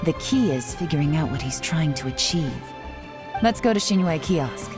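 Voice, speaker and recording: An actress playing a composed, shrewd woman investigator in a video game, cool and measured, with music underneath. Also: sits low, expressive. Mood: cool, decisive.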